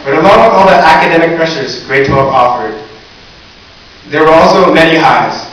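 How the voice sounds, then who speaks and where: Expressive and moderately paced, a teenage valedictorian with a fairly bright, higher-pitched voice gives an earnest graduation speech with a touch of humor. It's a distant, hissy recording made from the audience in a large, echoey hall or gym.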